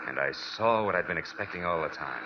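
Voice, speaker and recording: In a muffled vintage radio broadcast with music and background noise, an American man with a low, expressive voice speaks briskly. He is the narrator and lead actor of a 1940s radio drama, playing a cynical, wisecracking private detective telling his own case in a hardboiled, slangy, wry way. His mood is wry and driven.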